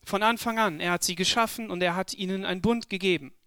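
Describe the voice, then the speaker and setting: A male preacher delivering a sermon with a high, smooth, resonant voice. He talks slowly and with emphasis, doubling words to drive each point home. The sound is dry, with no room echo. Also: steady tone, bright, forceful tone. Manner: slow, emphatic, repeats words for stress.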